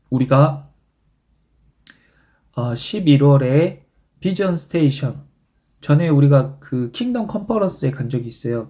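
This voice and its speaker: A middle-aged male pastor giving a sermon, animated, quoting scripture and urging his congregation. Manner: animated preaching with wide pitch swings, quoting scripture.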